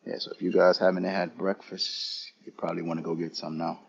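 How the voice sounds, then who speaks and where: A man live-streaming a relaxed walkthrough of an airport lounge, chatting casually to viewers as he points things out. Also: deep voice, vocal fry, highs cut off, a little hiss or hum. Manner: casual, unhurried, talking to chat viewers. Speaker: travel vlogger.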